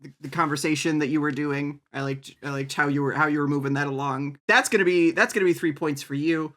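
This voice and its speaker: A host judging an improv comedy game, giving halting, encouraging feedback with many restarts. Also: medium pitch, steady tone, fairly bright tone.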